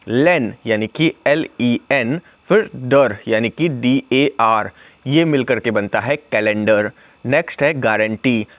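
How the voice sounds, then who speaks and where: A man teaching an exam prep spelling lesson, slowly spelling out words letter by letter. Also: mid-range voice, no echo.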